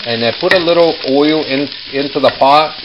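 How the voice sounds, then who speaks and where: A man hosting a casual home cooking demonstration, talking in unhurried short phrases with pauses. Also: fairly high pitch, lo-fi sound. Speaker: home cooking show host. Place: home kitchen. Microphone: handheld camera mic, off screen. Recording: clear background noise, sizzling pan.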